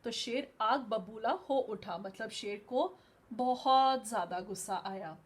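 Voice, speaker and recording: A woman school teacher reads a story aloud in an online class, patiently explaining words and slipping in English terms. Her voice is higher-pitched and husky, and she takes her time, captured through a video call microphone.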